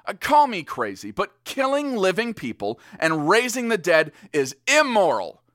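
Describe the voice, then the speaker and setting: An actor playing an exasperated, weary post-apocalyptic radio host in a scripted satirical show. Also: male voice, sits high, huge pitch swings, normal speed, a bit bright, no echo, studio quality, full character voice. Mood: indignant. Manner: indignant, harried announcer delivery.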